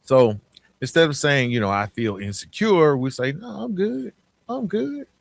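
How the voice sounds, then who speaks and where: A podcast host from Atlanta, with a Southern accent, gives an informal motivational monologue, conversational and emphatic, often repeating phrases and asking questions. His voice is on the high side, sing-song and creaky, and he speaks unhurriedly on a dry recording.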